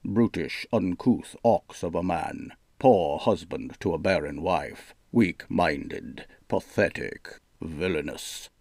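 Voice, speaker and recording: A man's voice: deep voice, slow pace, hardly any pauses, no echo, clean studio sound, pitched below the performer's own voice, exaggerated voice. A man narrating an audiobook, voicing a condescending old male wizard who drones insults in a sneering tone. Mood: contemptuous droning. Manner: droning, sneering, trailing off quietly. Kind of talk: audiobook character voice.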